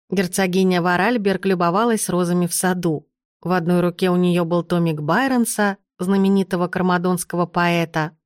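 Low-voiced woman reading a novel. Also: dry recording, studio quality. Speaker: audiobook reader. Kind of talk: first-person scripted narration.

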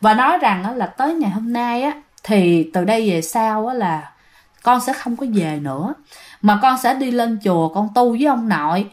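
A woman's voice: on the high side, animated, normal speed. A woman telling a ghost story in a chatty way, often turning to speak to her listeners. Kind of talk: storytelling narration.

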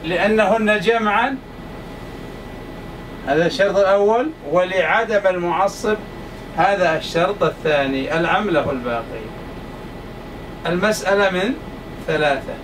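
Man, high-pitched, emphatic classroom lecture, far from mic, faint air-conditioning hum. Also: moderate pace, pauses often. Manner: emphatic, repeats points to the class.

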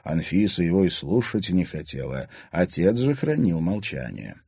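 A man narrating an audiobook in an expressive storytelling manner. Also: low-pitched, normal speed, creaky, breathy edge, dry recording, studio quality. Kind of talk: scripted narration.

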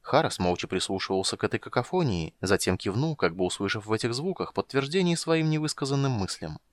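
A man narrating a fantasy audiobook in a steady, measured storytelling manner. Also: mid-range voice, dry recording.

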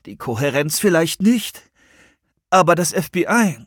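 A man's voice: a little high, lively intonation, measured pace, a bit bright, dry recording, studio quality, pitched above the performer's own voice. A man doing a skeptical sleepy young woman. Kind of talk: audiobook character voice.

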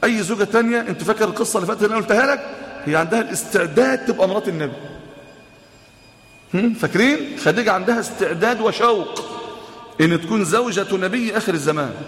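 A man with an Egyptian Arabic accent preaching a sermon, telling a story with lively rhetorical questions to the audience. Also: high voice, rapid-fire. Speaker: imam and preacher. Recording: echoey hall with long reverb.

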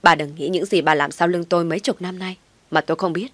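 A woman voicing a stern, quiet older father who raises his voice in anger in an audiobook story. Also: on the low side, fairly even intonation, fast, no echo, lightly acted. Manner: stern, weighty, shouting when angry. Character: stern, taciturn older father, rarely speaks.

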